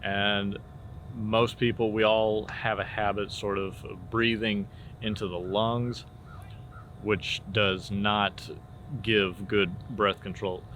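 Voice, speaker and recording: A man talking as a casual drama teacher, informally explaining and demonstrating theater warm-up exercises. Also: fairly low pitch, takes it slowly. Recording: clear steady background noise.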